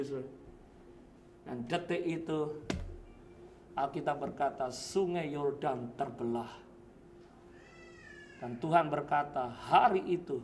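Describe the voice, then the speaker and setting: A man preaching a church sermon in with a tinge, animated and rising to shouts, mixing in English phrases. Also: mid-range voice, slight background noise. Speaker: pastor. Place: church sanctuary.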